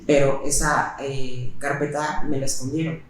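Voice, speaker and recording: In a very echoey room, a woman with a bass voice gives a personal testimony in an interview, speaking flatly and evenly. She talks haltingly, with frequent fillers and pauses.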